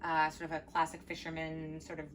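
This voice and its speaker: A woman's voice: deep voice, completely flat delivery, a little fast, a crowd in the background. A woman co-hosting a knitting podcast, chatting casually and enthusiastically about yarns with playful asides. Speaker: podcast co-host, yarn shop owner. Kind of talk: casual chat.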